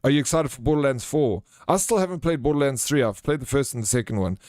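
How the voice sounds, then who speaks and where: South african guy streaming, mid pitch, chatting to viewers all chummy and informal, really dry sound. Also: quick pace, a little mellow, no room sound. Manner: chummy, informal, calls viewers bro and friend. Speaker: livestream host. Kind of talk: casual livestream chat, reading out and answering viewer comments.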